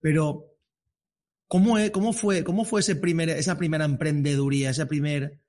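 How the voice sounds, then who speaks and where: Male podcast host, voice a bit high; excitable, repeats words, trips into his questions. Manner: halting, repeats words, enthusiastic. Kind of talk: casual interview.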